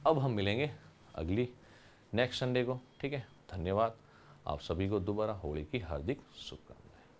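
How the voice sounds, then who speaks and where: Rajasthani-accented guy going through test answers, lowish voice, asks then answers himself. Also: normal speed, a little hiss or hum. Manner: explains step by step, asks and answers his own questions. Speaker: teacher. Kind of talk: exam solution lecture.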